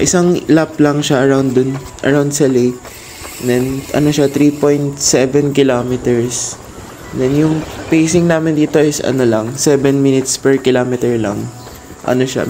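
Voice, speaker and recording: Male vlog narrator, medium pitch, hesitant and unscripted, faint music underneath. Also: mellow, low-quality recording.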